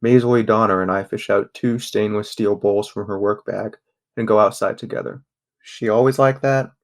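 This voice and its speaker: Acting as a sardonic, guarded teenage boy, a young man narrates a bleak audio drama in the first person at a normal speed. His low, creaky voice stays very even and subdued, and the mood is grim.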